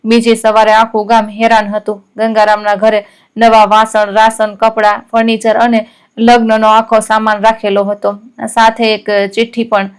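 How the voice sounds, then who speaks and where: A woman narrating a scripted story in a steady, measured reading. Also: a little high, smooth.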